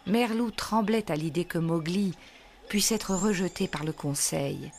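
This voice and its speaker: A woman narrating a children's storybook in a slow, gentle storytelling manner. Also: on the low side.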